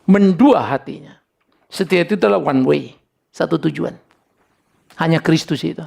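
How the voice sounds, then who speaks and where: A man's voice: fairly high pitch, normal speed, gravelly, a little mellow. An older man preaching a sermon as pastor, acting out the people he quotes and dropping English words into his talk.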